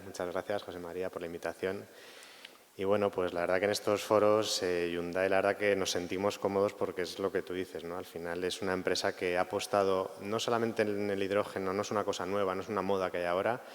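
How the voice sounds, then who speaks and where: A man's voice: sits low, little pitch movement, quick pace. A man in his forties, a panelist speaking conversationally, with many fillers and restarts. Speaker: panelist, automotive product manager. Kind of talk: panel discussion answer. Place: university conference hall. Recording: long reverb in a lecture hall.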